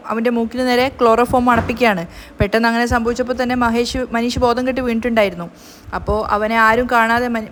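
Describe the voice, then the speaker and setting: A woman whose voice runs on the high side recounts the scenes of a television serial, voicing the characters' dialogue herself. There's slight background noise behind this storytelling recap.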